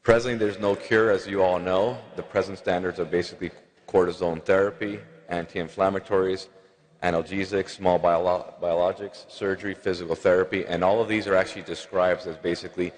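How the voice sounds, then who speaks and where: A man delivering an earnest conference lecture to physicians, often leaning on "actually". His voice is very deep, and it trails off into a long hall reverb. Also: steady tone, a little fast.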